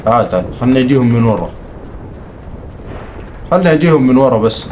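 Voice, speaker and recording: A young man giving excitable, teasing live commentary while playing a shooter game. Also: medium pitch, fast, a little hiss or hum. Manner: excitable, teasing, mutters complaints. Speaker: gaming streamer. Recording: game audio with gunfire behind.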